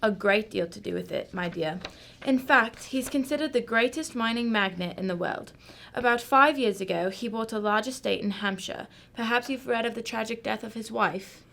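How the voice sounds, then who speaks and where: A woman playing a composed, analytical female Sherlock Holmes in an amateur radio drama, speaking in a measured, formal and precise way. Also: on the high side, creaky, a bit bright. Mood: matter-of-fact.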